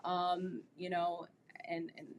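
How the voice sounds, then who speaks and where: A woman's voice: lowish voice, level tone, slow, a little hiss or hum. A woman in her thirties who is a guest on a podcast, chatting casually and using many fillers like "like" and "you know". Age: 30s.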